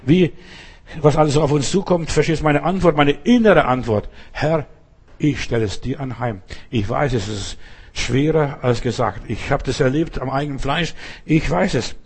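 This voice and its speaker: A man's voice: mid-range voice, normal speed, husky. A man preaching a sermon, earnest and repetitive, speaking straight to his listeners and often asking if they understand.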